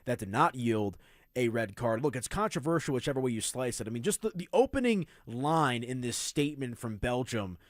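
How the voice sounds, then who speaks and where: A man hosting a sports talk radio show, debating with animated asides and throwing to a break. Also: medium pitch, a little fast, no room sound, clean studio sound. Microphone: studio microphone.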